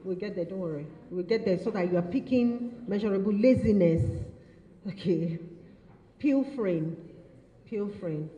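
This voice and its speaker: A woman facilitates an interactive training session, repeating and affirming the audience's answers and playfully teasing participants. Her mid-range voice is warm and moves at a normal speed. The recording has a dull lo-fi sound in an echoey hall.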